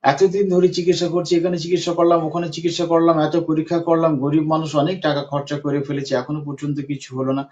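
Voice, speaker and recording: Guy doing a worn-out middle-aged patient who keeps complaining, pleading and tired, slightly high voice, dull lo-fi sound. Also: little pitch movement, fast talker, few pauses, a little mellow, lightly acted. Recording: dull lo-fi recording.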